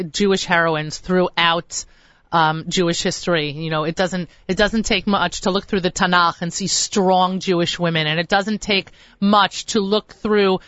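A woman's voice: on the low side, steady tone, a little slow, a bit bright, no echo, dull audio. A woman hosting a talk show interview, effusive and full of enthusiastic interjections.

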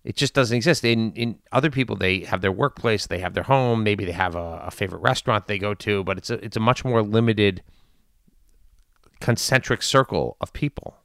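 A man giving informal news and community commentary in a measured, deliberate way with long pauses. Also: lowish voice, vocal fry, a bit bright, no room sound, studio quality. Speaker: commentator addressing his community.

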